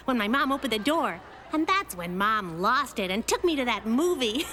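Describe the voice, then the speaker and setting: A woman voicing a spirited, mischievous little girl in a children's cartoon, with expressive, perky delivery. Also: a little high, normal speed, a little hiss or hum. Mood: wry storytelling. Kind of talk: animated children's cartoon acting.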